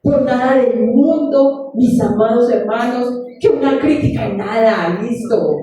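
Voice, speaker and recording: A woman's voice: on the high side, unhurried, mellow. A woman preaching a sermon, earnest and story-driven, calling her congregation beloved. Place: church. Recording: echoey room, far from the mic.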